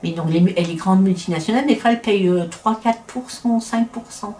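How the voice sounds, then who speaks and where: A chatty, opinionated middle-aged woman from France, talking freely in a casual interview. She keeps cutting herself off and starting her sentences again, and her voice sits at an ordinary middle pitch. The room around her is noticeably echoey. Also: fairly quick, mellow, a little hiss or hum. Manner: talkative, opinionated, many restarts. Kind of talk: casual conversation. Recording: roomy echo.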